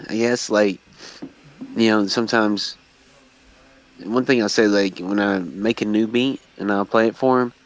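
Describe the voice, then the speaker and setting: A man speaking as a guest beatmaker in a casual chat, hesitant and soft-spoken with many fillers. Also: on the low side, low-quality recording.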